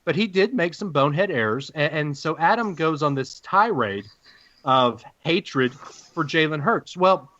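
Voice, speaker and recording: A man with a deep Southern US accent hosting a casual sports podcast in a folksy, playful showman's way. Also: lively intonation, unhurried, a bit bright, lo-fi sound.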